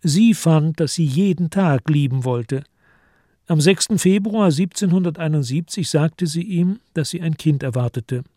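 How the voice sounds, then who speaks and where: Calm male narrator, mellow tone. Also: on the high side, no room sound, studio quality. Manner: measured, calm storytelling. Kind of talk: scripted narration.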